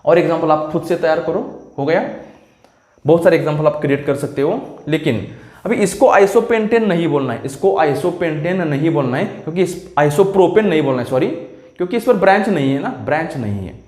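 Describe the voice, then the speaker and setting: A man's voice: on the high side, animated, moderate pace, a little mellow. A man teaching chemistry in a classroom lecture, explaining step by step and often asking if the students follow. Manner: explains step by step, keeps checking "clear?" with students. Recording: echoey room.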